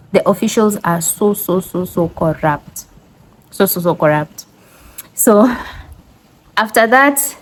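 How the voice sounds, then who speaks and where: A woman's voice: mid-range voice, low-quality recording. A woman with a Kenyan accent telling a story casually as a travel vlogger, chatty and emphatic, repeating words to make her point. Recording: clear background noise.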